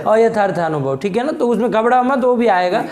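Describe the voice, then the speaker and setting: A man with a high voice is teaching in an echoey classroom. He keeps quizzing his students, makes them say each line back, and scolds whoever lags behind. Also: expressive, fairly quick, crowd noise. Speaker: Sanskrit logic teacher.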